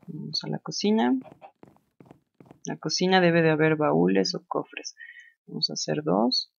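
Gravelly woman chatting through gameplay. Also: low-pitched. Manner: chatty, thinks aloud, laughs often. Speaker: gamer. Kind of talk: casual gameplay commentary. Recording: dull lo-fi home recording.

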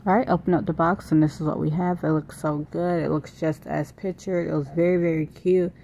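Young woman vlogging, little pitch movement. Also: fairly even intonation, fairly quick, vocal fry, dark tone. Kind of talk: casual product review and try-on. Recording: noisy home phone recording.

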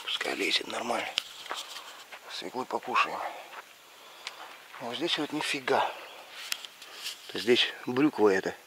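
A man's voice: animated, takes it slowly, long pauses. A middle-aged man with a slushy lisp on his s and sh sounds, talking casually to a handheld camera outdoors in a village yard. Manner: slushy lisp on s and sh sounds after a pulled lower tooth. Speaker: village life vlogger. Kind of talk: casual rambling vlog chat. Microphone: action camera held at arm's length. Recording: outdoor camera audio with background noise.

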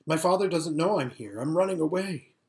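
A woman's voice: sits low, lively intonation, fairly quick, darkish tone. A woman voicing a serious, commanding runaway young noblewoman in a storybook, urgent and insistent. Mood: serious, anxious.

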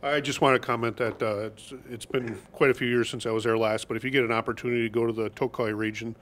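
A man's voice: medium pitch, little pitch movement, quick pace, a bit bright, a little hiss or hum. An older man in the audience recommending a trip, rambling with fillers. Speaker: audience member. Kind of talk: casual chat. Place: library meeting room. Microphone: far camera.

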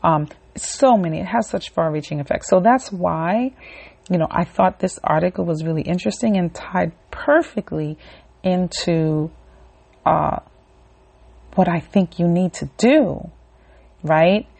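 Hosting her own podcast, a woman rambles casually with plenty of fillers before guiding a brief relaxation and affirmation. Her voice sits lowish and unhurried, darkish in tone, with vocal fry and a breathy edge.

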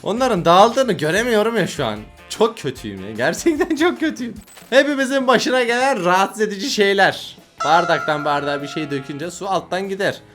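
Male reaction host, animated and exclaiming, very lively pitch, soft music bed underneath. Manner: animated, exclaiming, groaning at mishaps. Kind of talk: casual reaction commentary.

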